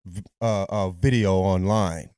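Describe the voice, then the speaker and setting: A man's voice: low-pitched, fairly even intonation, measured pace, mellow, clear, resonant tone, no room sound, clean studio sound. A man co-hosting a podcast in casual chat, laughing often and checking in with "you know what I mean" after his points. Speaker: podcast co-host.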